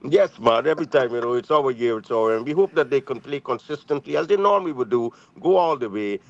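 A man's voice: medium pitch, expressive, fairly quick, gravelly. Male radio cricket reporter from Guyana, conversational, filler-heavy, muffled broadcast audio.

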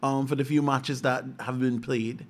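A man's voice: medium pitch, flat delivery, normal speed. A man hosting a radio segment, asking questions politely. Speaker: radio host. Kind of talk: radio interview.

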